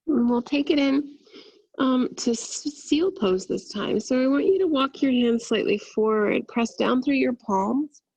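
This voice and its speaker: A woman yoga instructor giving gentle, soothing, unhurried cues in a soft, breathy, husky voice. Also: high voice, dry recording, low-quality recording. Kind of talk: guided yin yoga instruction.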